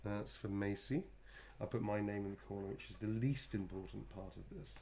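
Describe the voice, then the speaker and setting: A man's voice: fairly low pitch, fairly quick, creaky, dark tone. Guy chatting away while he doodles for fans, pokes fun at himself a lot, laughs a bunch. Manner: chatty and self-mocking, laughs often. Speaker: voice actor signing fan requests. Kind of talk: casual stream chat while drawing.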